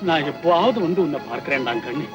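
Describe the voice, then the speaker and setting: A man's voice: a little high, expressive, fast, loud music behind the voice, lightly acted. An actor playing a scheming old grandfather coaxing and instructing a small boy in an old film. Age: older. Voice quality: coaxing, insistent. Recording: dull, distant old film soundtrack.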